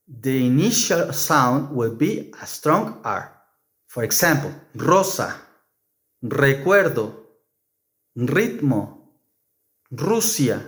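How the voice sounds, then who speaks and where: A man giving a scripted pronunciation lesson as a teacher, measured and carefully enunciating example words with rolled Rs. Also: on the high side, fairly bright tone. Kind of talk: scripted instructional narration.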